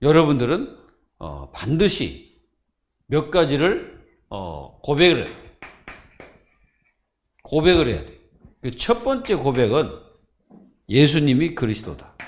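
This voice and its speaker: A man's voice: mid-range voice, wildly swooping pitch, slow, long pauses. A man preaching a Friday sermon as pastor, asking the congregation questions and answering them himself.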